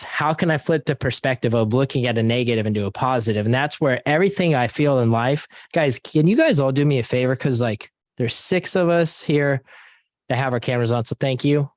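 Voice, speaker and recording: A man's voice: medium pitch, fairly quick, dry recording, clean studio sound. A man giving a casual motivational sales training talk over an online meeting. He fills his talk with "like" and calls his listeners guys and dude. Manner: casual, filler-heavy, addresses audience as guys and dude.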